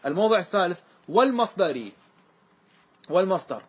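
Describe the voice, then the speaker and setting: Man, husky voice, fairly high pitch, classroom lesson, asks questions and repeats answers. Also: very animated, fairly quick. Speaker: teacher explaining grammar verses.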